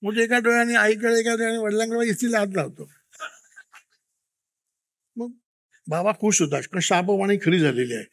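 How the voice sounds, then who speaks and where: A man telling lively anecdotes in an interview, acting out quotes from parents and children and laughing often. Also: high-pitched, normal speed, pauses often. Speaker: children's author and interview guest. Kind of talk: storytelling interview talk.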